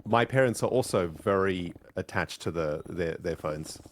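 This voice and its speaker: A man tells a story in a casual group voice chat. His voice sits low and he restarts his sentences as he goes. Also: normal speed, slight background noise. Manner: storytelling, animated, restarts often.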